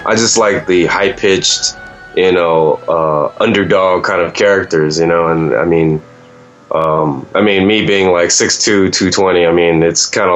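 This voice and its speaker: A man's voice: deep voice, a bit bright, lo-fi sound. A man, a voice actor, chatting casually in an interview, laid-back and rambling with lots of fillers. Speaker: voice actor, guest.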